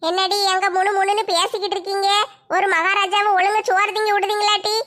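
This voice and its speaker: A woman voicing a possessed village woman who acts as a pompous king, speaking slowly and grandly. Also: very high-pitched, level tone, pushed and bright. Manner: slow, pompous, demanding. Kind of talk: comedy skit voice acting.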